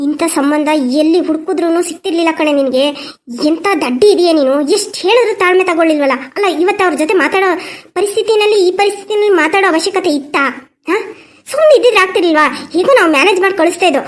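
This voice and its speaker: Woman voicing a shrill fretful cartoon mother. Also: fast. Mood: scolding. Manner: scolding, then wailing and lamenting. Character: elderly rich mother, fretful and scolding. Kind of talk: cartoon voice acting.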